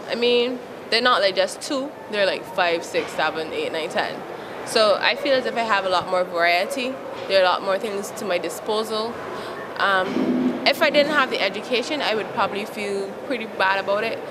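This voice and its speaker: Outdoors, with traffic noise in the background, a young Barbadian woman who works as a youth advocate answers interview questions. Her medium-pitched voice is animated and paced at a normal speed, with a Barbadian accent, and she speaks frankly and laughs often.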